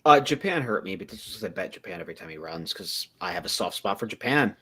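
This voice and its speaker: A man's voice: low voice, animated, fast talker, a bit bright, slightly rough. A man on a casual podcast panel, giving laid-back short replies.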